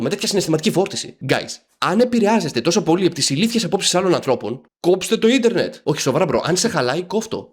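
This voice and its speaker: Male vlogger, sarcastic slangy rant, bouncy intonation. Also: on the high side. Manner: sarcastic, slangy, mixes in English words and swearing. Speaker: YouTube commentator. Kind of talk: casual commentary monologue.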